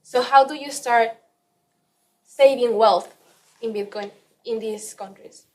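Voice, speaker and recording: A woman's voice: a little high, slow, darkish tone. A woman from Ecuador in the audience asking a panel a question, hesitant and full of fillers.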